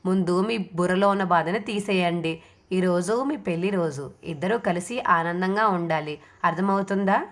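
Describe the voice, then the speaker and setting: A woman's voice: fairly low pitch, normal speed, natural voice. A woman reading the part of a stubborn young husband who speaks curtly and dismissively.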